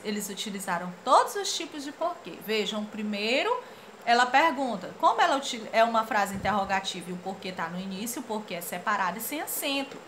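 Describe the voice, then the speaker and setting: A Brazilian woman teaches a children's grammar lesson in a bright, high voice. Her pitch leaps around as she acts out comic dialogue playfully. A faint hum of room ambience sits behind her. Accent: Brazilian Portuguese. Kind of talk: lively classroom lesson for children.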